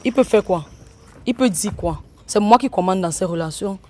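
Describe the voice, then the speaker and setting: A woman's voice: mid-range voice, expressive, normal speed, a little mellow. A woman, speaking in a bossy, commanding way during a heated confrontation. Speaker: prank participant.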